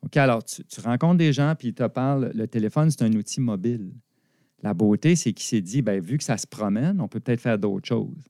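A man with a Quebec French accent, a business teacher and guest, explaining ideas in an animated, conversational way and laughing often. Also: mid-range voice, brisk, no room sound, studio quality.

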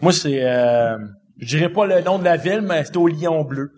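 A man with a Québécois accent tells a story, pausing and chuckling between words. His voice sits a bit high and stays loose and informal. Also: expressive, background noise. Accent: Québécois French. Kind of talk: casual anecdote telling.

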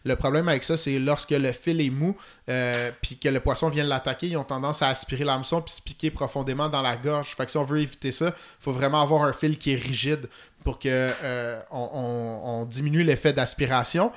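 A man's voice: mid-range voice, steady tone, fairly quick, fairly bright tone, a little hiss or hum. A man with a Quebec French accent explaining fly-fishing gear in casual chat, in detail and with many fillers. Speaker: fly-fishing guest expert.

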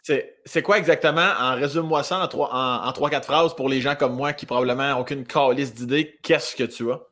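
A man's voice: mid-range voice, steady tone, fairly quick, a bit bright. A man with a Québécois French accent hosting a podcast, loose and informal, laughing easily as he chats. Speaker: podcast host. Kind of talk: casual chat.

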